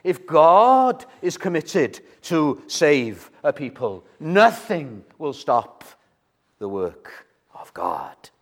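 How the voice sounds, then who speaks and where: Slow preacher at a pulpit microphone. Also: male voice, big pitch swings. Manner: earnest, swelling to loud emphasis then dropping low. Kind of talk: evening sermon.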